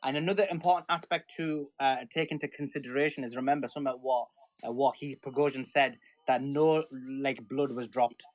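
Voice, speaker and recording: A man on a live news panel, jumping in with quick, eager interjections. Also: medium pitch, fairly even intonation, dry recording.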